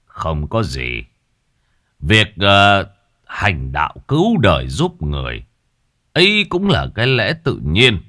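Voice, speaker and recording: A man voicing a shrewd exorcist master who speaks in a measured, authoritative way. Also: low voice, wildly swooping pitch, pushed and bright, exaggerated voice. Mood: calm. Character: shrewd male exorcist master, calm and mercenary.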